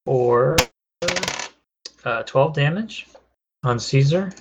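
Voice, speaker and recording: A man's voice: medium pitch, expressive, drawn-out words, muffled recording, noisy background. A man narrating a tabletop game as game master, talking loosely with fillers.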